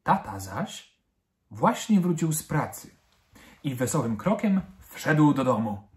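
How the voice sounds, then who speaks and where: A man reading a children's story aloud, narrating in a gentle, expressive way. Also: fairly high pitch, slow pace.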